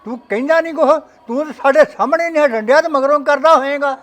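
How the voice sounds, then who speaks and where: A stern father warns his son-in-law, as an actor plays him. He speaks with a very high voice, firm and threatening. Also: quick pace, fairly bright tone.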